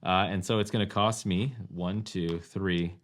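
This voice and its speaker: A man's voice: deep voice, measured pace. A man co-hosting a board game playthrough, casually talking through each move he makes. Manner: relaxed, explains his moves step by step.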